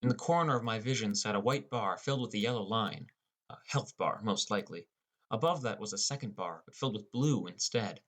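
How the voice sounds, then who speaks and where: The voice is a man's, lowish and fairly bright, moving at a brisk clip as he reads a scripted first-person fantasy story for audiobook. He plays a teenage boy gamer with a gloomy, introspective streak, over prominent background music.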